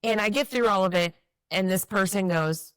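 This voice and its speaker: A woman, co-hosting a podcast and telling stories in a lively, casual way, swearing freely. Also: medium pitch, moderate pace, clear, resonant tone, dry recording. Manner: animated storyteller, swears freely. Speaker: podcast co-host. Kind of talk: casual conversation.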